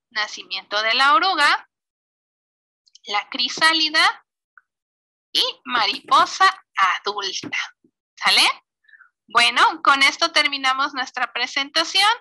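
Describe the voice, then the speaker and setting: A woman's voice: high voice, bright, forceful tone. A woman with a Mexican Spanish accent teaching an online computer class, walking through each step patiently and checking in often. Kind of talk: online class screen demonstration.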